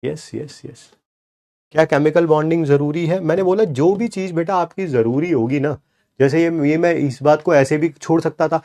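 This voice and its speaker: Warm in tone and on the high side, a man speaks at normal speed while teaching chemistry online. He cheers his students on, uses some English words, counts aloud as he points at the board, and responds to his own questions as though he were one of the class.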